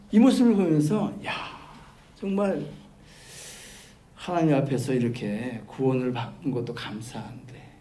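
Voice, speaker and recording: A male pastor preaching a sermon. He turns from loud, emphatic exclamations to soft, quiet asides. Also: fairly high pitch. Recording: roomy church hall with faint background noise.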